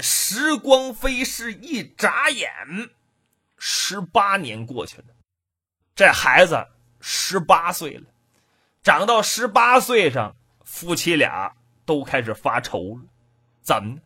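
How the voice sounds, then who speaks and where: A man telling a folk tale in an animated, rhythmic oral storytelling style. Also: high-pitched, takes it slowly, breathy edge.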